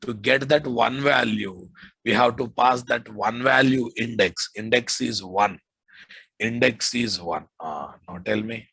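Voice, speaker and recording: A programming instructor with a Telugu Indian accent leads a live coding lesson, dictating code, repeating phrases, and tossing informal asides to his students. His medium-pitched voice is gravelly and sharp with a breathy edge, delivered at a measured pace in a dry recording.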